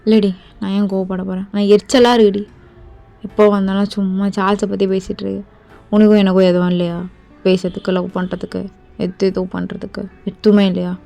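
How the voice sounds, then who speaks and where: A woman's voice: medium pitch, level tone, fairly quick, vocal fry, warm tone, soft background music, natural voice. A woman voicing an irritated young boyfriend in a fan voice drama, with a curt, harsh, dismissive manner. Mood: fed up.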